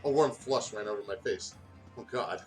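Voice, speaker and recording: Music plays behind a man with a fairly low, darkish voice who reads fan fiction at normal speed. A gaming video host, he keeps stumbling over words and breaking off to comment during this casual read-aloud.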